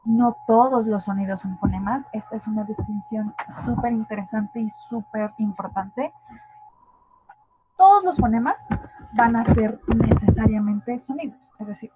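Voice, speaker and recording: A woman's voice: medium pitch, fairly even intonation, moderate pace, hardly any pauses, music in the background. A woman with a Mexican Spanish accent giving an online linguistics lesson, explaining step by step and asking her class rhetorical questions. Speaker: linguistics tutor. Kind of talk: online lecture. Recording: dry, phone-like narrow sound.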